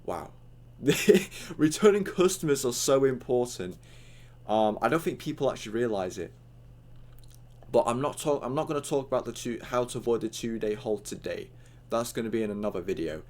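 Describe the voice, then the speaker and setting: A man's voice: mid-range voice, animated, normal speed, a little mellow. A young man with hiccups giving a casual, rambling online tutorial, full of fillers and acted-out chat lines.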